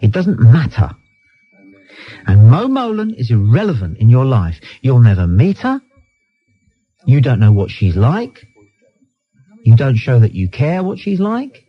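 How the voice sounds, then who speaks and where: A British late-night radio phone-in host with a mid-range, slightly rough voice speaks in a sing-song way, a little slowly and with long pauses. He argues bluntly and dismissively, insistently repeating himself, captured in a dull lo-fi radio recording.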